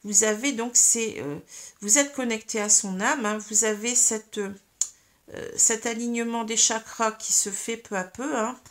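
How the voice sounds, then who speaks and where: A woman's voice: fairly high pitch, a little slow, a bit bright. A woman with a French accent reads tarot cards to her viewers, speaking hesitantly with many fillers while she has hiccups. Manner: hesitant, many fillers and tags like "hein" and "vous voyez". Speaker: tarot card reader. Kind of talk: spiritual tarot reading to viewers.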